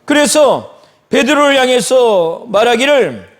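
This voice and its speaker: A man preaches a sermon in a church at an unhurried pace. His voice sits high and swings widely in pitch, and he acts out the speakers in the Bible story he retells. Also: big pitch swings. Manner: slow storytelling of a Bible passage, acting out the quoted lines. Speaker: pastor.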